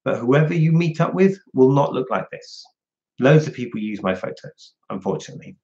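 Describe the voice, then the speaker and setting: Guy doing a chatty live q&a from home, gravelly voice, dull lo-fi audio. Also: medium pitch, lively intonation, fairly quick, darkish tone. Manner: chatty and frank, answers viewer questions. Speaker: livestream host. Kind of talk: casual livestream Q&A. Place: at home indoors.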